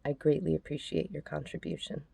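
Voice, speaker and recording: A woman podcast host reading out a message exchange in a soft, measured, earnest way. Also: sits low, little pitch movement, vocal fry, husky.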